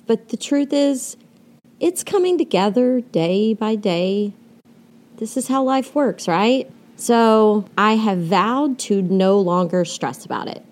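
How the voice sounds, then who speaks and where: A woman's voice: mid-range voice, darkish tone. A woman hosts a casual solo podcast from her bed, her voice muffled by the blanket she sits under. She talks candidly and conversationally, drops the odd swear word and laughs easily. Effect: muffled, recorded from under a blanket. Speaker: podcast host.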